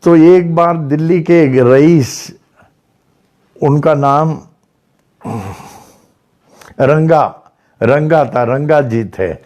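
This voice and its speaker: Man w maharashtrian accent, slow devotional talk, kinda high voice, repeats himself a lot. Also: a little mellow, muffled recording. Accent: Maharashtra, India. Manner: slow storytelling with repeated phrases. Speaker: spiritual teacher. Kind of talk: devotional discourse.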